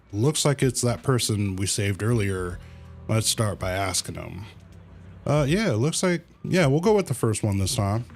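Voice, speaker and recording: A male game streamer with a fairly low, darkish voice casually commentates on his livestream. He reads dialogue aloud in a laid-back, colloquial style and mutters to himself.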